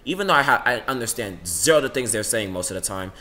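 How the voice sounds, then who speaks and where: Rambling teenage boy, low voice. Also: quick pace, faint music behind. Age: teens. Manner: rambling, says "like" a lot, lively swings in pitch. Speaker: student vlogger. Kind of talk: casual rambling monologue.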